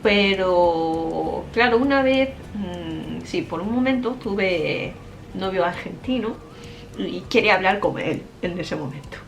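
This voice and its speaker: A woman's voice: fairly low pitch, unhurried, vocal fry, slight background noise. Woman speaking fluent Spanish. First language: Japanese. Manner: animated storytelling, frequent laughs and fillers. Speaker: interview guest; Spanish teacher. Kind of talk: casual interview chat.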